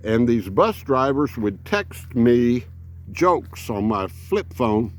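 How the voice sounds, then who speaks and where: A man's voice: medium pitch, very animated, slow pace, a little hiss or hum. A man, telling rambling folksy stories as an RV vlogger. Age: 70s. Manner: rambling, folksy, many fillers. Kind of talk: casual storytelling.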